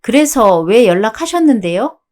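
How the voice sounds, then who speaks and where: A woman narrating her own story in a calm, matter-of-fact way, as the wife in a radio drama. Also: on the high side, normal speed.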